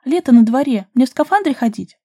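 A woman's voice: high voice, expressive, a little fast, mellow, husky, voice pushed up, full character voice. A woman voicing a stubborn young woman who protests indignantly.

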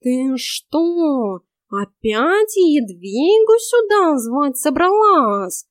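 A woman's voice: high-pitched, sing-song, drawn-out words, dry recording, studio quality, voice pushed up, exaggerated voice. A woman voicing a lazy, talkative male house cat who grumbles in a sleepy, whiny way. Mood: alarmed indignant.

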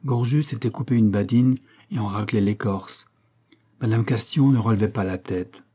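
Brief: man, audiobook narrator, measured delivery, mellow dark tone. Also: fairly low pitch, breathy edge. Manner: slow, measured. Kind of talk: audiobook reading of a classic novel.

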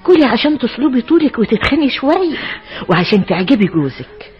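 A woman's voice: on the high side, big pitch swings, brisk, muffled recording. An actress playing a fussy, exasperated older mother who scolds and nags with an Egyptian accent, as in a 1960s Egyptian radio drama. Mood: scolding.

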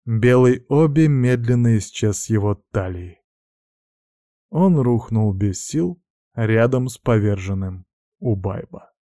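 Man, audiobook narrator, steady delivery, mellow low tone, dry close sound. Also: no echo. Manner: steady, even storytelling with dramatic sound words. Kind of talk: audiobook narration of fantasy fiction.

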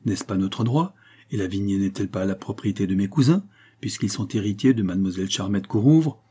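A man voicing a stern, impatient gentleman glassmaker who questions in a severe, pressing tone. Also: lowish voice, a little fast, husky.

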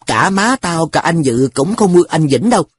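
A man's voice: on the high side, animated, normal speed, breathy edge, voice pushed up. A man voicing a carefree schoolboy who shrugs off studying, talking in an offhand, nonchalant way.

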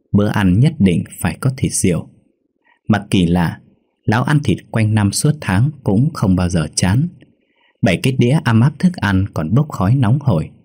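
A man telling a horror story in a slow, measured narration. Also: low-pitched, warm tone, breathy edge.

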